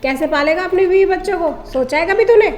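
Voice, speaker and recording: A woman's voice: very high-pitched, animated, fast. An actress playing a rich, lonely wife in a scripted short drama. She coaxes at first and then turns bossy and threatening. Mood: domineering. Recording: echoey room with long reverb.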